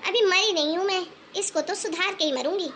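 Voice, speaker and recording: A woman voicing a stern, wise old grandmother-in-law who scolds and lectures firmly in an animated moral story. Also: very high-pitched, fairly quick, a little hiss or hum. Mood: grumbling. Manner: scolding, preachy and firm.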